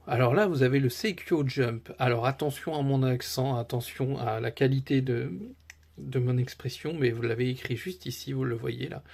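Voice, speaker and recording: Male collector vlogger, husky, mid pitch, casual and enthusiastic, rambling delivery. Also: mellow. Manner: chatty and enthusiastic, many fillers and restarts. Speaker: card collector YouTuber. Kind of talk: casual chat to camera.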